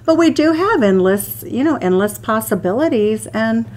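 An Irish woman reads tarot cards to camera at an indoor card table, enthusiastically exclaiming over each card she turns, with only her hands seen from an overhead camera. Her voice is on the high side, animated and darkish, at normal speed.

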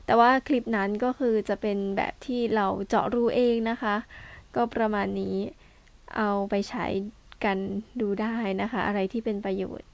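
A woman's voice: mid-range voice, fairly even intonation, moderate pace, no echo. A woman farmer explaining in a casual, polite way, step by step, how she prepares a planting field. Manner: polite, explains step by step, adds soft particles. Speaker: farmer demonstrating field work. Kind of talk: casual instructional talk.

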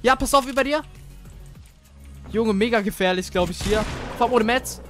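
A man giving casual gaming commentary, excitable and chatty as he plays with a teammate. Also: very high voice, moderate pace, music in the background. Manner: excitable, swears casually, talks to teammate while playing. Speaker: gamer.

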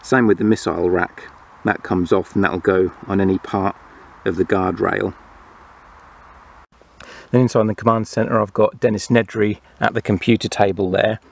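Low gravelly man showing toys. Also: normal speed. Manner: relaxed, explanatory, fillers. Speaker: toy reviewer. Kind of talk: casual toy review narration.

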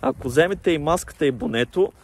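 A man's voice: fairly high pitch, vocal fry. Man talking through a face mask, casual gear review, plain explaining, faint background noise. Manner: plain, explanatory, with pauses and fillers.

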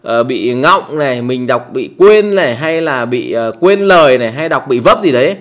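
A man giving a casual how-to tutorial in a small quiet room, chatty, with many fillers and repeated tag words. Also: mid-range voice, expressive, normal speed. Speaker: tutorial host.

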